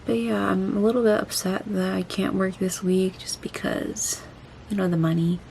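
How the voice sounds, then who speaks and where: A woman with a creaky, mid-pitched voice talks casually to viewers as she does her makeup. Her mouth and jaw are swollen after wisdom teeth surgery, and she is chatty and self-deprecating about it. There is faint noise behind her. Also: normal speed, a little mellow. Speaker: beauty vlogger. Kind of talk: casual chatty get-ready-with-me makeup vlog.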